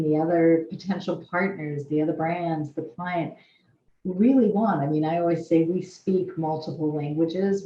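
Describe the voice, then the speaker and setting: Low-voiced woman host in an echoey room. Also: warm tone. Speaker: podcast host. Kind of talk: interview conversation. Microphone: video call. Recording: roomy, slightly dull with faint noise.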